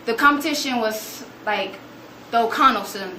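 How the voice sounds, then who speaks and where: Animated young woman telling stories. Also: normal speed. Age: young adult. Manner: animated, acts out quotes in a higher voice. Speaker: student speaker. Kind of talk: storytelling talk to an audience. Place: room with an audience. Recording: echoey room, noticeable background noise.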